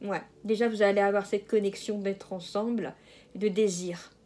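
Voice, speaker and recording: A woman's voice: medium pitch, fairly even intonation, moderate pace, dark tone. A woman giving a casual general tarot reading, hesitant, with many fillers and restarts and the odd laugh at her own jokes. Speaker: tarot card reader.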